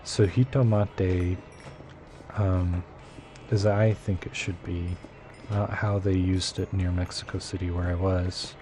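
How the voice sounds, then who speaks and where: Warm, low, and level, this man's voice comes slowly over slight background noise. While playing a game on a live stream, he chats casually with viewers, thinking aloud in a rambling manner with frequent fillers.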